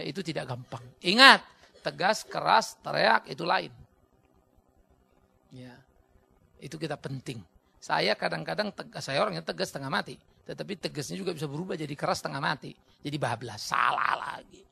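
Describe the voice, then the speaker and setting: A middle-aged Indonesian man preaching a sermon as a pastor, swinging between loud shouting and low asides, acting out quoted voices. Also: brisk, creaky, pauses often, husky.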